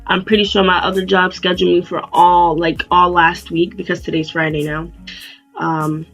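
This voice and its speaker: A young adult woman vlogging a storytime in an animated, casual way, with plenty of swearing. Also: lowish voice, normal speed. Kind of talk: storytime vlog. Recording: dull lo-fi sound with faint music.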